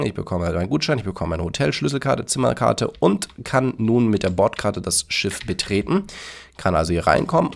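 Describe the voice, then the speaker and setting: A man's voice: lowish voice, vocal fry. A man casually commenting on his Minecraft build and explaining it to his viewers. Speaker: YouTuber demonstrating a Minecraft build.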